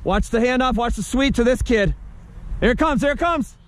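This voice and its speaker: A man coaches from the sideline of an outdoor youth football field. His loud voice is pushed very high and swings widely as he repeats urgent commands. Clear outdoor noise runs behind him on the camera microphone. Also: lively intonation, normal speed. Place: open grass sports field outdoors.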